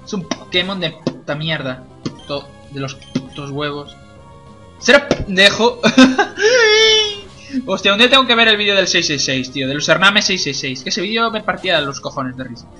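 A man's voice: high voice, sing-song, normal speed, sharp tone, faint music behind. A young man, commenting on a video game in a joking, cursing way. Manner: jokey, swears a lot, laughs at own jokes. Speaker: gameplay commentator. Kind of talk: casual let's play commentary.

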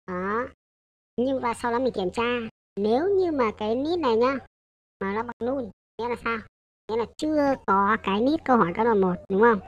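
A woman's voice: a little high, lo-fi sound. A woman, talking through a programming tutorial in a loose, hesitant way. She corrects herself and keeps checking in with her listeners. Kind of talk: casual coding tutorial.

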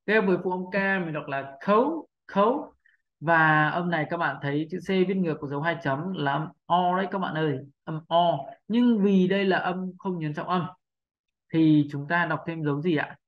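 Man, patient pronunciation teacher, slightly high voice, dull lo-fi sound. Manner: patient, repeats sounds slowly, asks rhetorical questions. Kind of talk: video lesson.

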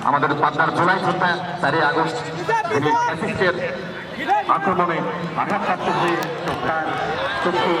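A high-voiced man makes announcements at a football ground. His voice comes from far off with heavy echo, amid a loud, noisy crowd. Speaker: match announcer. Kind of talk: public announcement at a football match. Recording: very echoey distant PA, loud crowd noise.

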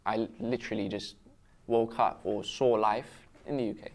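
An earnest young man speaks at a medium pitch and normal speed in a steady tone, recorded on a lapel mic. He lived in Syria until he was twelve and then moved to the UK. As a participant in a casual round-table panel, he reflects on his own life, often questioning himself and posing rhetorical questions, while seated at a table on an indoor restaurant-style set with brick walls.

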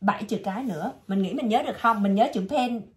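Speaking at a medium pitch, this Southern Vietnamese-accented woman tutors a single student in English vocabulary. She draws each word out slowly and patiently repeats it.

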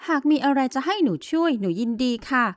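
A woman's voice: sits high, animated, a little fast, no room sound, clean studio sound, voice pushed up. Woman reading as a sugary scheming young rival. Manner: sugary, falsely humble.

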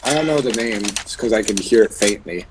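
A man's voice: lowish voice, animated, brisk, noisy background. A man chatting casually with a friend while playing a game, joking, teasing and restarting his sentences. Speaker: gamer recording his session. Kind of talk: casual gaming chat. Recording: game music playing behind.

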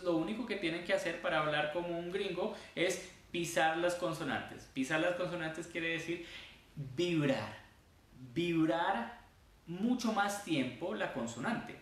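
A man teaching English pronunciation, speaking slowly and stretching sounds out to demonstrate them. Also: on the high side, fairly bright tone. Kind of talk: casual online lesson. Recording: very echoey room.

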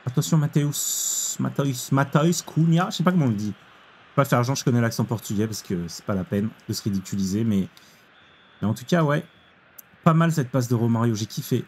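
A young man commenting on his own football video game match, excitable, exclaiming and groaning at each play. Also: mid-range voice, a little fast, a little hiss or hum. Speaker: gaming YouTuber. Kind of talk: live gameplay commentary.

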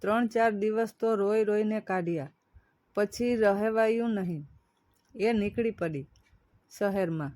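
A woman storyteller narrating an emotional moral tale in a measured, dramatic way. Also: medium pitch, dark tone, no echo.

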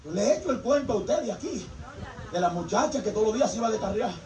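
A male preacher giving an animated sermon, acting out the voices of his congregation. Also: sits high, fast talker, slight background noise. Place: church hall. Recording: echoey hall from far off with music.

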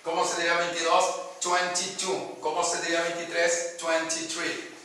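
A man giving an English lesson, upbeat, drilling each word slowly and deliberately. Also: fairly high pitch, monotone, sharp tone, slight background noise. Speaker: English teacher. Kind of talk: spoken language lesson. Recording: very echoey room, mic far off.

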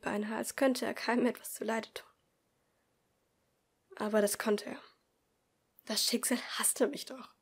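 A woman narrates a first-person story as an amateur audiobook reader. Her delivery is expressive, and she drops to a soft whisper for the narrator's inner thoughts. Her voice sits at an ordinary pitch for a woman. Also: husky.

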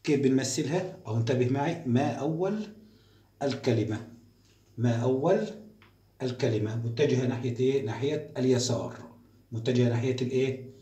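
A man, teaching the alphabet to first graders in a slow, repetitive drilling style. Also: medium pitch, mellow. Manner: slow, drawn-out syllables and repeated drills. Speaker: primary school teacher. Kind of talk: recorded classroom lesson for young children. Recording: echoey room, voice off-mic.

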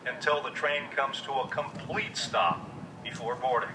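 Man on a station loudspeaker. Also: mid-range voice. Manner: measured, formal announcing. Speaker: station announcer. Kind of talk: automated public announcement. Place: outdoor train platform. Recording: echoey loudspeaker from far off, train noise.

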